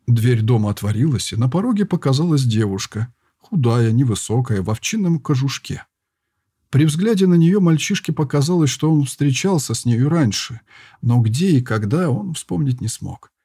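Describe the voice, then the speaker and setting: A man narrating a story expressively, with a husky voice. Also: medium pitch, animated, normal speed, warm tone, dry recording, studio quality. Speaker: audiobook narrator. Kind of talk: scripted narration.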